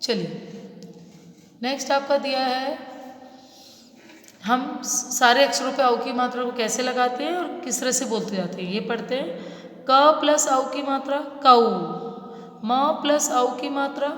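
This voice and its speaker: A woman teacher giving a slow, patient children's reading lesson, repeating and stretching each sound. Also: high voice, a bit bright. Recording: echoey room with long reverb.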